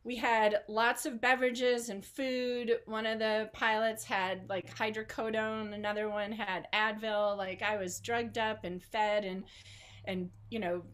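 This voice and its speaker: A woman at a middle pitch chats casually with an online group from home over a video call microphone. Her talk wanders, with plenty of fillers and restarts and the odd small laugh. She sounds relaxed and loose, like someone catching up with friends. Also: measured pace, clean tone. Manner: rambling, chatty, with many fillers and laughs. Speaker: online art studio host.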